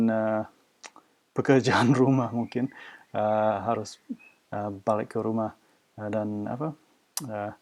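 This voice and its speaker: A man's voice: lowish voice, darkish tone. An Australian man, a native English speaker, talking about himself as a foreigner in a learned language, with an Australian accent and hesitant searching for words. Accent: Australian-accented Indonesian. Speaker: language teacher. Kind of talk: unscripted personal talk, like an oral interview answer.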